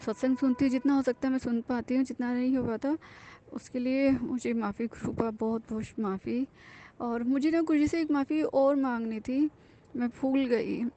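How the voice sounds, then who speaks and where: A devotee with a high, mellow voice offers earnest thanks in a casual personal testimony of devotion. She sounds confiding and sincere, with lots of fillers and restarts.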